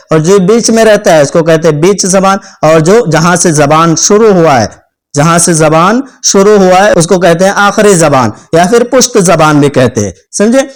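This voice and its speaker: Young man teaching a beginner lesson, a touch high in pitch, slow repetitions, keeps asking if it's understood. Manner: repeats letters slowly, checks understanding often. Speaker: Quran teacher. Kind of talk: patient step-by-step lesson.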